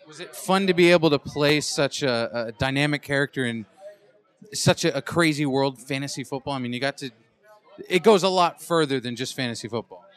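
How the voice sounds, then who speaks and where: Guy interviewing on a red carpet, upbeat promo patter, medium pitched voice. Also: fairly quick. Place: film premiere red carpet at a theater.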